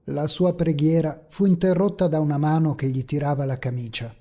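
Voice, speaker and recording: A man narrates a horror story in a measured, ominous manner. His voice is husky and mellow, sitting a little high for a man, over faint dark ambient music. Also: fairly even intonation.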